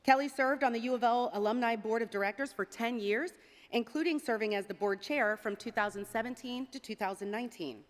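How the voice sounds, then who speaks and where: A woman's voice: fairly high pitch, a little fast. A woman hosting an awards ceremony, giving a formal, scripted podium speech in an announcer's style. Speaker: ceremony host. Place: large event hall on stage. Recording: hall reverb from a PA system.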